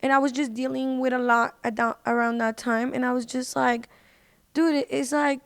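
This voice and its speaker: An independent singer, interviewed as a podcast guest, recounts personal stories in a casual, slangy way, repeating words to stress them. Her high-pitched voice has a flat delivery at normal speed. There's no echo.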